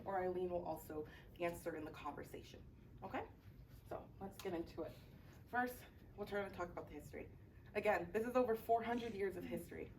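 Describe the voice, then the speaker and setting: A woman's voice: medium pitch, darkish tone. A woman from Miami teaching a class, presenting and often checking in with the audience by asking "right?". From Miami, Florida, United States. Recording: distant mic with light background noise.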